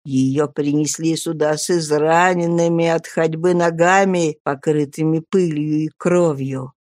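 A woman voicing a hoarse, faint dying old woman who confesses slowly and with guilt, in a storybook reading. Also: deep voice, darkish tone, dry recording, studio quality. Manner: slow, drawn-out confession.

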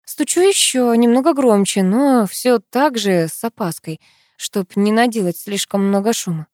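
A woman's voice: fairly high pitch, unhurried, a little mellow, no room sound. Dry, close woman telling a tearful story. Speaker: audiobook narrator. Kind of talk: first-person emotional story reading.

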